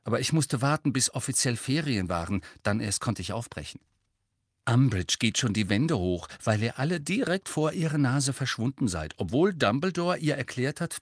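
A man voicing a clever, bossy teenage girl who talks in a brisk, lecturing way. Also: medium pitch, dry recording, clean studio sound, pitched above the performer's own voice.

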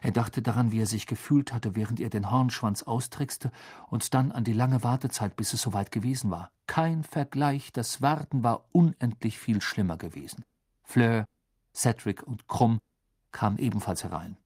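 Expressive husky male audiobook narrator. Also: medium pitch, normal speed, dry recording, clean studio sound. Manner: expressive storytelling. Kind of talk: scripted narration.

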